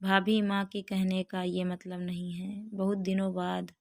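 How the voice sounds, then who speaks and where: Storybook role: a gentle, firm daughter, read by a woman, slow, level delivery. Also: medium pitch, level tone, dry recording, close to an everyday voice. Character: caring grown daughter, calm and firm.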